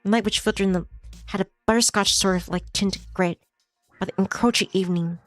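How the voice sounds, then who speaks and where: Reading a visual novel aloud as story narration, a woman streamer speaks at a medium pitch in a steady tone, a little fast, in a dry recording. Music plays in the background, and every so often she stumbles over a word and rereads it.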